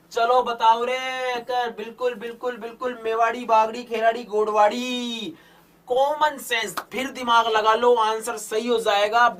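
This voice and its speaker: A man's voice: extremely high pitch, distant mic. A man teaching an exam-prep lesson, firing off quiz questions in a playful, repetitive, emphatic way. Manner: playful, rapid-fire quiz questions, repeats key phrases; gets loud and emphatic in later questions. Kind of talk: online exam coaching lesson.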